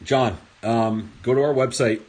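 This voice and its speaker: A man's voice: medium pitch, fairly even intonation, measured pace, a little mellow, slightly rough. A man hosting a casual card break at a table, reading off player names as he opens packs. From Swedish heritage. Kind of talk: casual card-opening chat. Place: indoor table studio.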